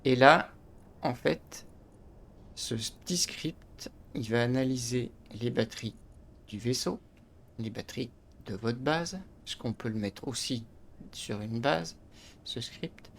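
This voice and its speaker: A man's voice: medium pitch, slow pace, vocal fry, pauses often, fairly bright tone, slight background noise. A man hosting a gaming channel, explaining a space game step by step with frequent restarts and little interjections. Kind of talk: game tutorial commentary.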